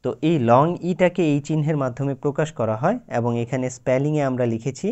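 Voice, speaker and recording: A man's voice: medium pitch, fast, a little mellow, lo-fi sound. A man teaching English pronunciation in a YouTube lesson, explaining patiently and drawing out his example words.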